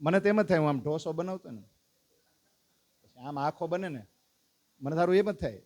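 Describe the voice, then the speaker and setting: Lively preacher with a higher voice. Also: male voice, moderate pace. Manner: lively, calls out lists and prompts the audience to recite. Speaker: religious teacher. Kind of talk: devotional lesson to a congregation.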